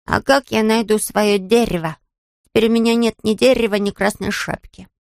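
A woman's voice: high-pitched, normal speed, creaky, no room sound, clean studio sound, pitched above the performer's own voice. A woman voicing a sulky, whiny little boy in a children's storybook reading. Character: small boy, sulky and tearful.

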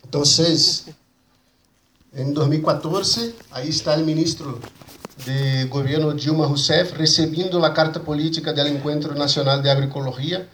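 A man with a Brazilian Portuguese accent and native Portuguese gives a conference presentation in a halting mix of Spanish and Portuguese, repeating and rebuilding his words. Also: a little high, a bit bright. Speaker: conference speaker for an agroecology movement. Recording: roomy echo, faint background noise.

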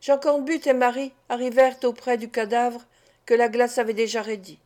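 A woman narrating an audiobook in a measured, expressive way. Her voice sits a little higher than average. She reads steadily, with a scripted storytelling cadence. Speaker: audiobook reader.

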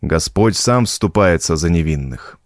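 A man voicing an old village priest, gentle but firm, speaking in a calm preaching tone. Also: low voice, a little slow, no room sound, clean studio sound, pitched below the performer's own voice. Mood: solemn.

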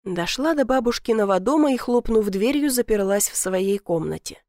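A young woman narrating a first-person audiobook in a lively, indignant storytelling manner. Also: a little high, moderate pace, no echo, studio quality.

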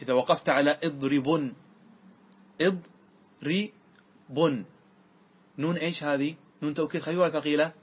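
Male grammar teacher, husky voice pitched a bit high, quizzes the class and chants verses slowly. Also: steady tone. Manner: quizzes students with quick questions; recites verses slowly and drawn-out. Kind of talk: classroom lesson.

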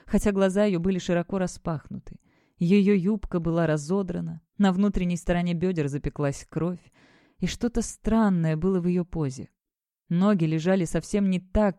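A woman narrating an audiobook in a steady, expressive reading voice. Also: on the low side, normal speed, dry recording, clean studio sound.

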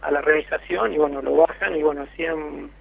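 Reporting for a radio interview by phone, an Argentine-accented man speaks a little fast in a creaky, higher-than-average voice with fairly even intonation. He is hesitant, restarting often and using many fillers, and the audio is tinny.

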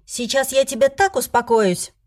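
A woman voicing a furious, indignant young heroine with a shrill, shouting delivery. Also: normal speed, close to an everyday voice.

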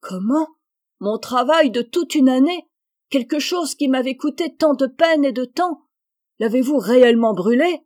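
A woman's voice: high-pitched, lively intonation, a little slow, voice pushed up. A woman reading an enraged teenage girl. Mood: anguished fury. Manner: shouting, accusing. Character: hot-tempered teenage girl, furious writer.

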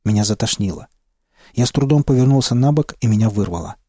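A man narrating a first-person audiobook in a steady, low-key way. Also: fast talker, no room sound, studio quality.

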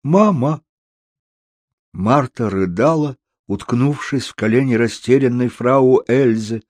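A man narrating a story aloud, lively and slipping into voices for the characters. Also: medium pitch, measured pace, dry recording. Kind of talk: storybook reading.

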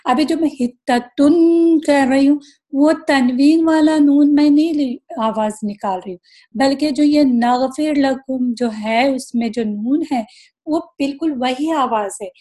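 In a recorded lesson, a woman with a high voice and dark tone teaches the rules of Quran recitation. She explains slowly, draws out each recited example, and mixes English words into her talk.

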